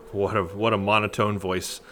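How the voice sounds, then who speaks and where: A man's voice: lowish voice, little pitch movement, measured pace, fairly bright tone, slight background noise. A man giving casual, jokey commentary while playing a video game and reading text aloud. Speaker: gameplay commentator. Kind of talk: casual let's play commentary.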